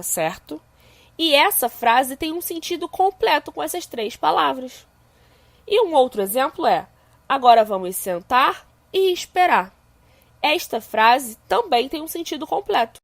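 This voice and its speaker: A woman teacher, explaining a recorded primary school lesson slowly and clearly. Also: high voice, a bit bright, no echo. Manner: slow, clear, explanatory delivery.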